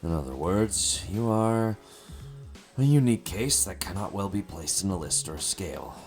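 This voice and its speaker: A man's voice: sits low, expressive, soft background music. A man doing a cool, formal researcher. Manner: measured, formal, dry. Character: calm, formal, coolly condescending researcher.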